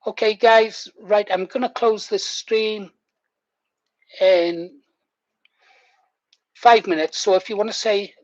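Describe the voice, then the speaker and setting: A man's voice: high-pitched, steady tone, takes it slowly, pauses often. A man over sixty, chatting casually to viewers as he hosts a livestream. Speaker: livestream host. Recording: muffled, echoey room.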